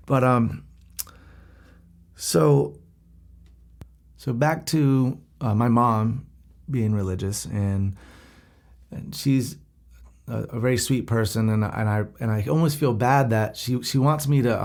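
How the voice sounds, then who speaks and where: A man's voice: on the low side, darkish tone. Rambling man hosting his podcast. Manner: rambling and conversational, with many restarts and laughs. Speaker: podcast host. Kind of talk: casual solo monologue.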